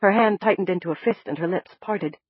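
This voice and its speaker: A woman narrating a science fiction audiobook in first person, expressive and coaxing in her character's dialogue. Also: fairly low pitch, fairly quick, breathy edge, no room sound, highs cut off.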